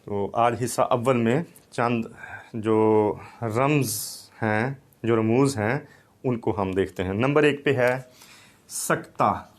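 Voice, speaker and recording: Slow, deliberate male lecturer. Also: mid-range voice. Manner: slow, deliberate explaining with anecdotes. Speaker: teacher. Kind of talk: recorded lecture.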